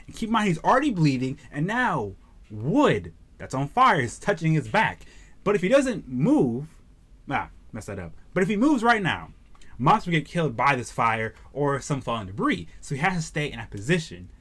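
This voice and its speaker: A man casually reviewing an anime, retelling the plot as an excitable, slangy storyteller. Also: on the high side.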